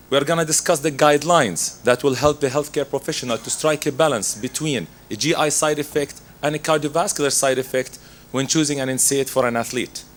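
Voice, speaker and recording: Hoarse from laryngitis, a man with a fairly high voice gives a methodical medical lecture as a pharmacist, working through his slides.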